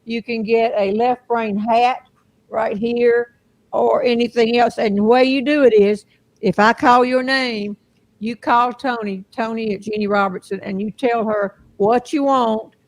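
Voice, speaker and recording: A woman's voice: a little high, steady tone, a little slow. An older woman with a Southern US accent hosting a show, chatting casually and amused by herself. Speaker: host. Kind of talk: casual chat.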